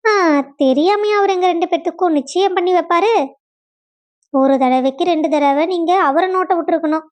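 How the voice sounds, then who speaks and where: A woman's voice: very high-pitched, a little fast, darkish tone. A young woman voicing a spiteful sister-in-law who taunts and gloats. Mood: smug. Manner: smug, taunting.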